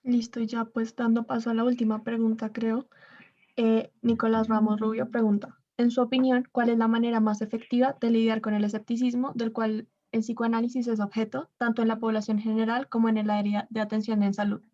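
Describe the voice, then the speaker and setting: A woman moderating a Q&A on a video call and reading audience questions in an even way. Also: a little high, brisk. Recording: dull lo-fi sound.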